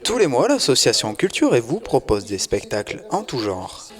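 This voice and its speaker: A man's voice: medium pitch, wildly swooping pitch, normal speed. A man reading scripted narration as a television news reporter.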